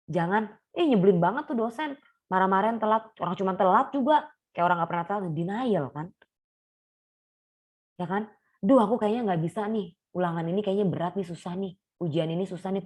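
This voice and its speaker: Chatty woman giving a lively group talk. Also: sits low, rough recording. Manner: chatty, animated, acts out little quoted scenes. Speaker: speaker at a sharing session.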